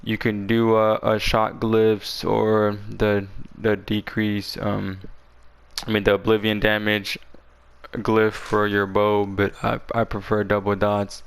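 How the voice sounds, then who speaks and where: A man's voice: fairly low pitch, monotone, slow pace, gravelly, smooth. A man talking casually and in slang as he presents a game build guide, his voice a little parched from being sick. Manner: informal, slangy talk.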